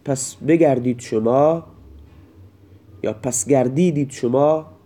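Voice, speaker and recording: A man of middle pitch teaches grammar in a recorded lesson. He reads each example line slowly. Then he breaks it down word by word in a measured, methodical way. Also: warm tone.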